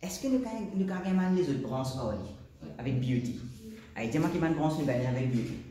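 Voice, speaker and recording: A man with a Mauritian accent teaches a classroom lesson, asking questions and repeating the students' answers. His fairly high, mellow voice has lively intonation and a moderate pace. He is recorded from far off in an echoey classroom.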